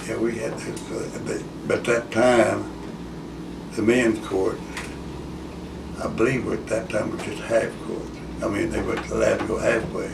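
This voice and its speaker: An elderly man telling a rambling grandpa story in casual, folksy, halting talk. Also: fairly low pitch, flat delivery, vocal fry. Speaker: war veteran recalling his school days. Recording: echoey room, distant mic, loud hiss.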